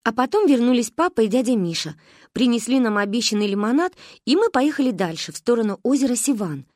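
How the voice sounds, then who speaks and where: A woman reading a children's story aloud in an expressive, lively storybook narration. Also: a little high, dry recording, studio quality. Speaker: audiobook reader.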